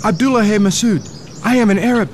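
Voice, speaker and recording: A man's voice: sits high, brisk, a little hiss or hum. A man from Ethiopia narrating his own story in an earnest first-person radio drama. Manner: earnest, pleading when frightened. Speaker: narrator and lead character.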